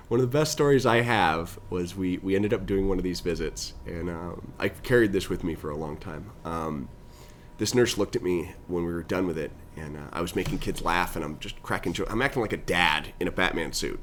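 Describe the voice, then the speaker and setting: A middle-aged man, a guest in an interview, telling animated stories about his nonprofit. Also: normal speed, slight background noise. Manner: animated storyteller, pitch climbs when excited. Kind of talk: conversational interview storytelling.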